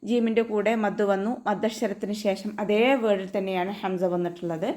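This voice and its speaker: In an online tajweed lesson, a woman with a Malayali accent teaches Quran recitation, patiently explaining each letter and slowly chanting example verses. Her voice is medium-pitched, level, and dark in tone.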